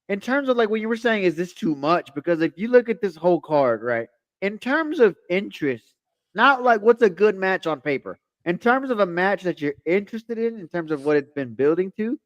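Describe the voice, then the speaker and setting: A man's voice: high-pitched, no room sound, muffled recording. A man hosting a late-night wrestling talk show, earnestly building his argument in casual chat. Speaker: podcast host.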